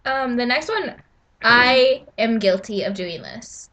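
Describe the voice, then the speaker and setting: A woman's voice: on the high side, expressive, slow, bright, forceful tone. A teenage girl chatting on a vlog, laughing often and adding playful dramatic asides. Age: teens. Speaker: vlogger. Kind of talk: casual chat.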